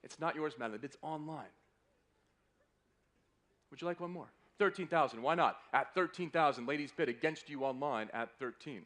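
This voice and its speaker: A fine art auctioneer calls bids at a live hotel auction, using courteous, polite patter that returns to the bids repeatedly. He has a slightly high, somewhat bright voice and talks at normal speed.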